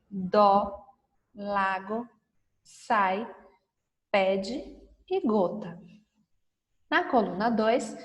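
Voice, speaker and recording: A woman teacher correcting a lesson for first graders, talking slowly and patiently, stretching out words and often checking understanding. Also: mid-range voice, big-room sound, far from the mic. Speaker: primary school teacher.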